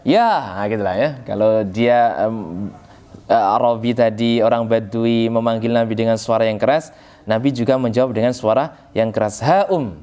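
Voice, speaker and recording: A man's voice: fairly low pitch, level tone, moderate pace, warm tone, smooth. A man teaching a classical religious text, reading Arabic and explaining it phrase by phrase in a conversational way. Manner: conversational, addresses listeners as sir, frequent filler particles. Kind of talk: classical text study lesson.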